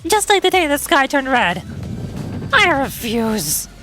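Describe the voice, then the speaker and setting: A woman's voice: high-pitched, big pitch swings, a little slow, fairly bright tone, faint music behind, full character voice. Woman doing a defiant young tomboy girl voice. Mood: defiant, urgent. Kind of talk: amateur voice acting of a game story.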